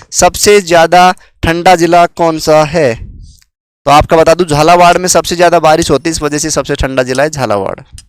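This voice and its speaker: A man's voice: a little high, clean tone, no echo. A male teacher running an exam-prep quiz, repeating each question and making viewers guess before he gives the answer. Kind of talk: quiz-style exam coaching.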